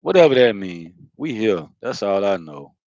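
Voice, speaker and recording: A man's voice: fairly low pitch, sing-song, moderate pace, darkish tone, no room sound, muffled recording. A man giving a loose, profane spiritual monologue, talking casually with lots of fillers. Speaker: spiritual vlogger.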